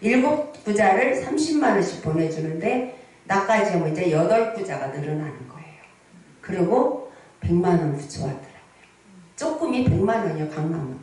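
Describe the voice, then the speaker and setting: A woman's voice: fairly low pitch, sing-song, moderate pace, a little mellow. A woman in her sixties preaching a sermon as pastor, telling stories and asking the congregation questions. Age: 60s. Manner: storytelling sermon with frequent rhetorical questions to the congregation. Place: large prayer hall. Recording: echoey hall, voice from the mic's distance.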